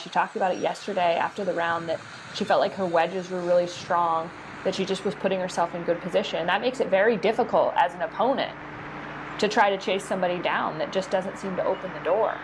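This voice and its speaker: A woman's voice: on the low side, steady tone, fast talker, background noise. A woman giving live golf commentary, explaining how the players are doing.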